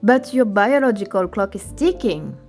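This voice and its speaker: Actress as questioning woman, animated short, mid-pitched and earnest, over a music bed. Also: moderate pace, lightly acted. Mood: probing. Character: opinionated woman, later a polite, attentive therapist. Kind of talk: animated short film dialogue. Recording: music under the voice.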